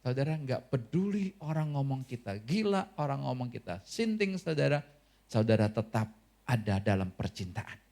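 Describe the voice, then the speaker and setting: A man pastor giving a lively, conversational sermon in church, often putting questions to the congregation. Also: mid-range voice, normal speed, creaky. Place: church hall.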